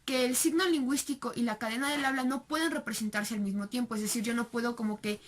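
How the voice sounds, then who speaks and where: A woman's voice: on the high side, fairly even intonation, quick pace. Young Mexican woman explaining a lesson. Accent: Mexican Spanish. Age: young adult. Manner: explanatory, with frequent fillers and rhetorical tags. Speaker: student presenter. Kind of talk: recorded class presentation.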